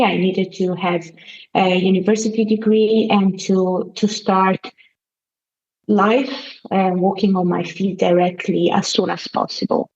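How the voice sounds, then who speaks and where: A woman's voice: medium pitch, darkish tone, roomy sound, highs cut off. A woman from Albania, a guest in an interview, speaking hesitantly and modestly, with fillers and restarts. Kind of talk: casual interview conversation.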